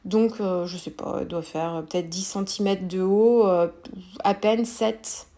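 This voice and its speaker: A woman's voice: mid-range voice, fairly even intonation, unhurried, mellow. A woman with a French accent talks through a scrapbooking tutorial in a casual, hesitant way, full of fillers and self-corrections. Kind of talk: casual craft tutorial voice-over.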